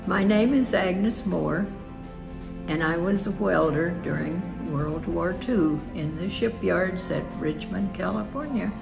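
An elderly woman in her nineties reflecting calmly on her wartime welding work. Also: fairly low pitch, a little slow, creaky, music in the background. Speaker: interviewee, former welder. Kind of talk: personal testimony.

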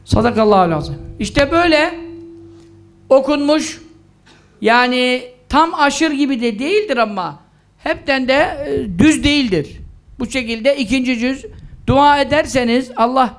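A man preaching in a mosque at a pulpit microphone, earnestly urging his listeners and reciting prayers. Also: a little slow. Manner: earnest, exhorting, rising high when stressing points. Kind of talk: mosque talk with announcements and prayers.

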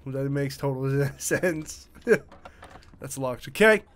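A man's voice: mid-range voice, slow, fairly bright tone. A man in his thirties with a Canadian accent, giving jokey, reactive let's play commentary with swearing. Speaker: gaming YouTuber. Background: game music.

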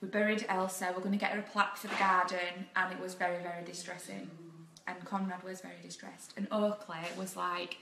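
A young woman talks to her viewers in a chatty, rambling way, laughing often. Her voice is bright. The room is echoey, with faint noise behind her. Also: on the low side, flat delivery, fairly quick, gravelly. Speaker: vlogger. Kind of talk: casual live video chat.

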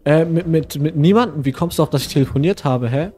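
A man's voice: fairly high pitch, fast talker, darkish tone. A man hosting a gaming channel, playing himself in a role-play with a whiny, complaining way of talking. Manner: whiny and complaining, keeps saying "Mann" and "Bro". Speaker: gaming channel host playing his own character. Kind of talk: casual game role-play.

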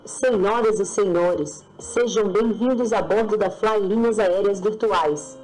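A woman as cabin chief reading a formal, measured in-flight cabin announcement played inside a flight simulator. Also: mid-range voice, darkish tone, soft background music, poor audio. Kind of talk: scripted airline cabin announcement.

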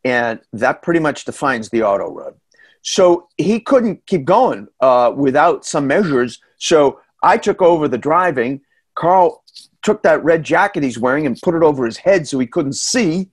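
A middle-aged man with a New England accent tells travel stories in a relaxed slide talk. His voice sits a little high and swings widely in pitch as he jokes at his own expense. He talks through a webcam on a video call, with plenty of ums and uhs. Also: a little slow, slightly rough. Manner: animated, chatty, self-deprecating humor with many fillers. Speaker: tour guide and storyteller giving a slide talk. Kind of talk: casual storytelling presentation.

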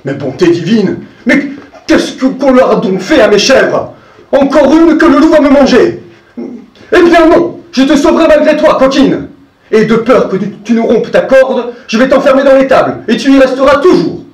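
A man's voice: very high voice, sing-song, moderate pace, pitched above the performer's own voice. A man playing a fretful, protective old farmer who exclaims and stammers in alarm. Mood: exasperated. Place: live performance room. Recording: roomy distant live recording, faint music.

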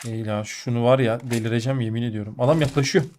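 Sick guy, blocked nose, nasal muffled voice, mid-pitch, excitable gameplay commentary. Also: fast, heavy background noise. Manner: excitable, jumps between muttering and outbursts. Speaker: mobile game player.

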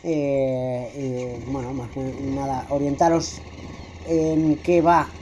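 A man's voice: medium pitch, level tone, takes it slowly, dark tone, a little hiss or hum. A middle-aged man from Spain narrating his motorcycle channel in a casual, hesitant voice-over, full of fillers. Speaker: motovlogger. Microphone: voice-over recorded apart from the ride.

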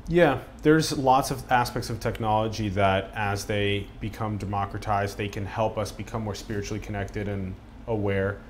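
A young man with a lowish voice hosts the conversation, asking casual, loosely worded questions. He sounds at ease on the sofa, with a faint hiss under the recording. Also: normal speed, hardly any pauses. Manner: relaxed, loose follow-up questions. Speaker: podcast host, interviewer. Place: living room, on a sofa.

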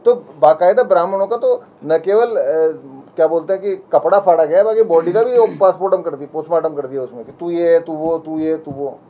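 A young man speaks quickly and with agitation at a press conference, pleading and firing off rhetorical questions. His voice sits fairly high but sounds dark and mellow. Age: young adult. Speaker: community representative at a press conference.

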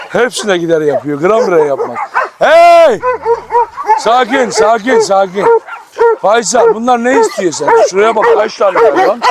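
A man with a high-pitched voice vlogs from an outdoor garden, chatting to the camera and energetically calling and scolding his dogs. Dogs bark behind him, and the camera-mic recording carries clear outdoor noise. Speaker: farm vlogger. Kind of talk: casual vlog to camera. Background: dogs barking.

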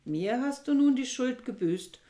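A woman reading the part of an older betrayed husband, vengeful and bitter, with forceful outbursts. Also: high-pitched, lively intonation, measured pace, voice pushed up. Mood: grim. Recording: echoey room.

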